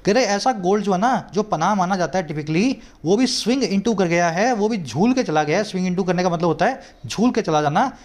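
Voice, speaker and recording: A man's voice: sits high, animated, darkish tone. A man with an Indian accent, teaching English by explaining a news article word by word, often checking that the class is following. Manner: explains terms step by step, often checking "ठीक है"; reads English quotes slowly.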